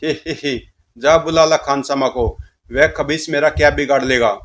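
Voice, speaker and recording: A man's voice: on the high side, steady tone, normal speed, a bit bright, natural voice. A man voicing a young bride possessed by a demonic spirit, cackling and taunting in a menacing way in a storybook horror tale. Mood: gloating.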